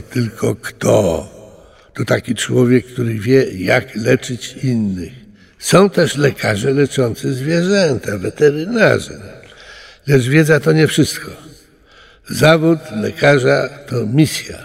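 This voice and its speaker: A man's voice: medium pitch, creaky, slightly rough, long reverb tail, full character voice. A man voicing a mysterious male volcano spirit in a storybook, stern and preachy. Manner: lecturing, forceful.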